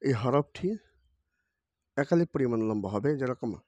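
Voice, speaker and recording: A man teaching the Arabic alphabet as a Quran teacher, giving quick explanations and then drawing each letter's sound out slowly and loudly, again and again. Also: medium pitch, animated, dry recording.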